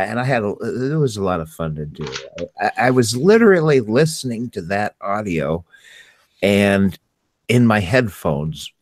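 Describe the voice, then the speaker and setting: A man's voice: fairly low pitch, no room sound, clean studio sound. A man hosting a podcast in casual banter, laughing easily between his lines. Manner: giggly, quick to laugh. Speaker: podcast host.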